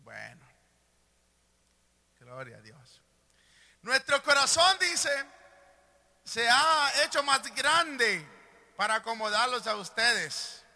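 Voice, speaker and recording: A male pastor preaching a fervent sermon from a church pulpit, moving between hushed asides and shouted lines. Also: very high voice, sing-song, takes it slowly, long pauses.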